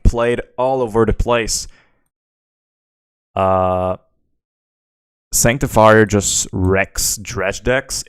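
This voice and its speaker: A French Canadian man, French being his first language, streams a card game and thinks aloud while fielding questions from chat. His voice is fairly low and smooth, recorded in clean studio sound with no echo.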